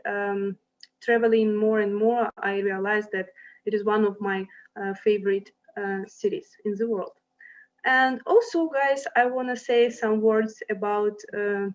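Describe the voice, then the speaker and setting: A young woman from Ukraine presenting a university to applicants, friendly and hesitant with many fillers. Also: mid-range voice. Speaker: university representative. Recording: dull lo-fi sound.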